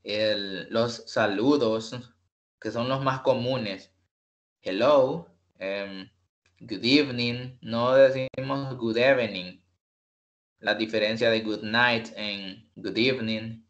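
Guy teaching english online, patient, explains stuff slowly, kinda muffled call audio. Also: medium pitch, a bit bright. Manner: patient, explains slowly, mixes English examples into his talk. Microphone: video call.

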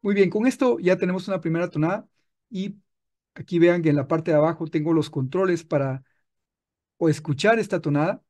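A man teaching music software in a screen-recorded tutorial, patient and explaining step by step with frequent restarts. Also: on the high side, a little fast.

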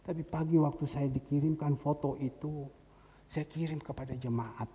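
A man's voice: on the high side, steady tone, moderate pace, dark tone. A middle-aged man preaching as a pastor, telling a story in a conversational way and acting out the voices of people he quotes. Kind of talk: storytelling sermon. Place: church hall. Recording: echoey church hall with faint noise.

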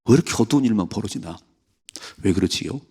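A man's voice: on the low side, expressive, quick pace, dark tone, breathy edge. A middle-aged pastor preaching an early-morning sermon, emphatic, acting out prayers and rebukes as he goes.

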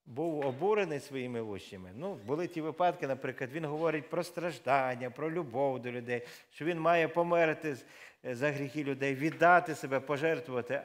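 A medium-pitched man delivers a church sermon casually, often using fillers and correcting himself. He reads scripture aloud with heightened emphasis.

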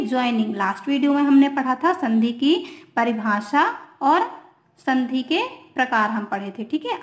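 A woman teaching a Hindi grammar class, often checking in with "theek hai na" and mixing in English words, drawing out each example slowly. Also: high-pitched. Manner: slow, drawn-out reading of examples. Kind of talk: online class lesson. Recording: echoey room.

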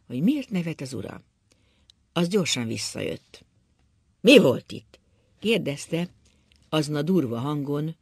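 A man reading a literary novel aloud as an audiobook narrator, in a measured, even way. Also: on the high side, vocal fry, husky, no echo, studio quality.

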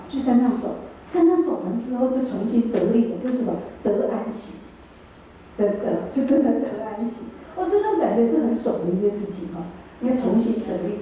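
A woman's voice: on the high side, mellow, slight background noise. A middle-aged woman with a Taiwanese Mandarin accent giving a chatty sermon, asking her listeners questions as she goes. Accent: Taiwanese Mandarin, with Taiwanese Hokkien phrases. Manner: chatty, asks the room questions. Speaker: church speaker. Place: church hall. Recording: echoey church hall, mic far off.

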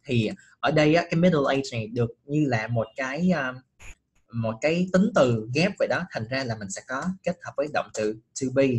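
Middle-aged man, patient English teacher, slightly husky tone. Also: mid-range voice, animated, fairly quick. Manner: patient, checks often with rising questions. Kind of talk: online English class.

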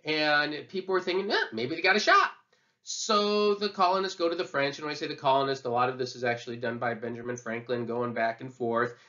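Guy lecturing on history, chatty with lots of um's, bright voice, kinda dull lo-fi sound. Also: mid-range voice, steady tone, brisk, hardly any pauses. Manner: conversational, many fillers and asides. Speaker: history teacher.

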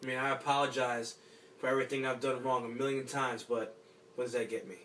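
A young actor playing a lonely, heartbroken man, talking haltingly in despair and trailing off into mumbles. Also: mid-range voice, steady tone, a bit bright, far from the mic, slight background noise, lightly acted. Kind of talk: short film drama monologue.

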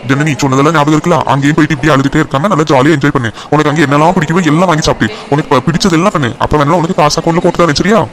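A caring cartoon father played by a man talks very fast in a slightly high voice. He fusses and reassures, piling on instructions and comfort. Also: fairly even intonation, close to an everyday voice. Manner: fussing, reassuring. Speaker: voice actor. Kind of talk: cartoon voice acting.

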